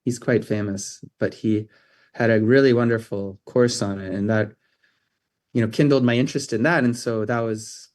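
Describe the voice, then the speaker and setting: Hesitant male interview guest, thirties, low flat delivery. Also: normal speed. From California. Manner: hesitant, many ums and restarts. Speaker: interview guest, optics researcher. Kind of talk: casual interview answers.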